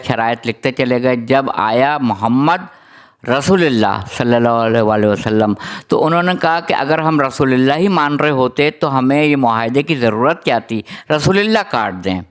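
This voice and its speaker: A man delivering a religious sermon, reciting long lists of titles in a steady rhythm and explaining Arabic terms to his listeners. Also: medium pitch. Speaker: religious speaker.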